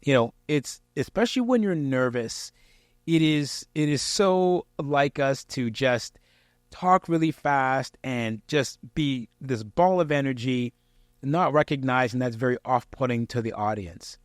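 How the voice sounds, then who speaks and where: A man giving instructional tips straight to the listener in a clear, projected presenter's delivery, conversational yet emphatic and encouraging. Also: medium pitch, animated, unhurried, no room sound, studio quality. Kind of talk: conversational instructional talk to camera.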